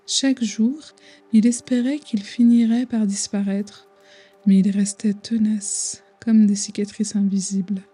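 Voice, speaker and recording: A woman narrating a bedtime story slowly and soothingly, soft and breathy, in a hushed voice close to the listener's ear. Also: medium pitch, fairly even intonation, soft background music.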